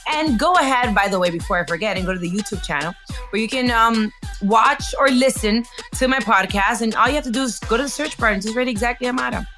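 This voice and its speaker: A woman's voice: on the high side, a bit bright. A woman hosting a podcast in a bubbly, chatty way, slipping Spanish phrases into her talk. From raised in the United States. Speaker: podcast host. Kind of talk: casual podcast chat.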